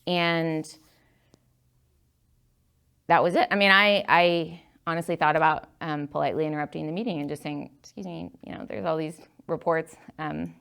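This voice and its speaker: In a meeting room, a woman addresses a public meeting in a casual talk that takes audience questions, chatting hesitantly with many fillers and false starts. Her deep voice is steady, creaky, smooth and a bit bright, at a moderate pace.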